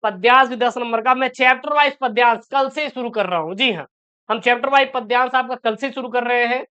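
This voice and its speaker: A man teaching an exam-prep lesson, reassuring his students and repeating key answers slowly, often asking and answering his own questions. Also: very high voice, sharp tone, clear, resonant tone. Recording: dull lo-fi sound.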